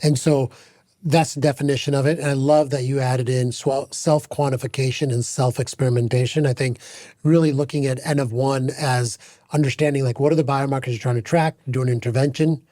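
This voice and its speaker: A man's voice: mid-range voice, steady tone, a little fast, mellow, dry recording. Man with a mid-range voice hosting an interview, dry sound. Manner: affirming and curious, asks follow-up questions. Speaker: podcast host. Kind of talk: casual conversational interview.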